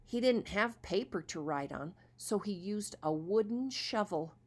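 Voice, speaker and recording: A woman reading a children's story aloud as storyteller, expressive and asking the young listeners questions. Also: medium pitch, measured pace.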